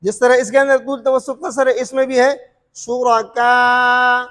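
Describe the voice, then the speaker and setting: A man with a strikingly high voice teaches recitation rules in a patient, repetitive way. He keeps asking whether his students follow and slips in "what's it called" as a filler. His voice carries a long reverberant tail. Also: steady tone. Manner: repeats terms and quizzes listeners, drawn-out sung examples.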